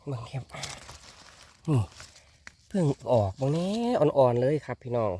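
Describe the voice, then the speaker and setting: A man with an Isan Thai accent, narrating a casual foraging vlog in a forest and calling out excitedly to his viewers. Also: mid-range voice, a little slow, slight background noise. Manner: excited exclamations, addressing viewers as brothers and sisters. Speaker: foraging vlogger. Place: forest outdoors.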